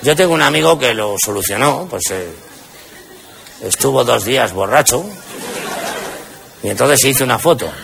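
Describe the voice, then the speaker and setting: A man's voice: medium pitch, lively intonation, moderate pace, gravelly, pauses often, a bit bright, some chatter behind. A man with a Spanish accent doing crude, punchy stand-up comedy, recorded live with audience noise. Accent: Spain.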